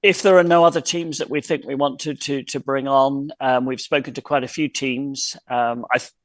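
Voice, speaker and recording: A man acting as quiz host wraps up an online quiz over a video call, speaking in halting bursts full of fillers and restarts. His voice is mid-range with fairly even intonation, and there's no room sound.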